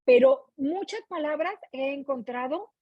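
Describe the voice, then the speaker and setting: A middle-aged woman with a Mexican Spanish accent talks about her reading as a book club member, her high-pitched voice animated yet a little slow. She's casual and expressive, often checking that others agree. The online meeting audio sounds muffled and echoey.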